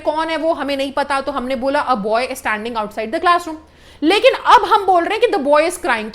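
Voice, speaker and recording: Indian woman grammar teacher, high and patient, explains step by step. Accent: Indian English. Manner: explains patiently, repeating points, often checking with the students; reads English example sentences slowly and deliberately. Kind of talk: classroom grammar lesson.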